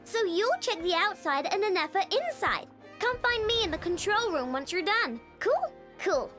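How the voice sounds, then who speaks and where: A woman's voice: extremely high pitch, sing-song, moderate pace, sharp tone, soft background music, heavily acted. An actress voicing a confident young girl inventor in a video game, speaking in a breezy, casual, matter-of-fact way.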